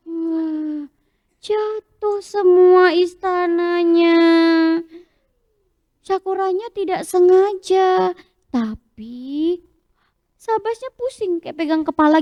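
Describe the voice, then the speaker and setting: Animated high-voiced woman telling kids a story. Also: dry recording. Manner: animated, questioning the children often. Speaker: children's storyteller. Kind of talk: interactive storytelling for young children.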